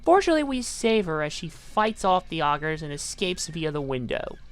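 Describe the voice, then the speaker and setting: A woman's voice: low-pitched, big pitch swings, normal speed, over music. A woman narrating a scripted game review, with dry, sarcastic asides. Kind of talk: scripted video-essay narration.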